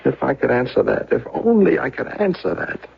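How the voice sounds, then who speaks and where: An actor in an old radio drama playing a hungover, guilt-ridden shopkeeper who groans and dodges questions. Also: male voice, mid-range voice, lively intonation, normal speed, creaky, background noise. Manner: groaning, defensive and evasive. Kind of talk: vintage radio drama acting. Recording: muffled old radio recording.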